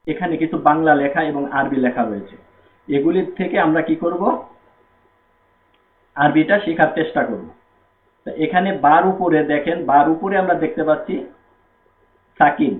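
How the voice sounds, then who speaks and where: A man's voice: a little high, normal speed, pauses often. A man with a Bangladeshi Bengali accent teaching Quran reading, patiently repeating each letter drill twice. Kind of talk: step-by-step lesson with recited drills. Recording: tinny phone-like sound in an echoey room.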